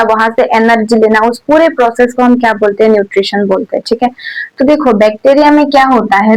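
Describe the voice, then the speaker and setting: A woman teacher giving a botany lecture, speaking softly into a new mic and checking in with "theek hai" and rhetorical questions. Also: on the high side, rough recording. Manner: says "theek hai" and "dekho" constantly, asks rhetorical questions; speaks softly and holds back her volume. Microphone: newly bought mic.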